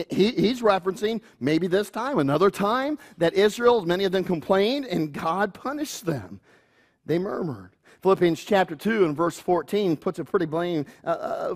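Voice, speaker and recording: A male youth pastor preaching a sermon in a church, animated and chuckling often. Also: sits high, normal speed.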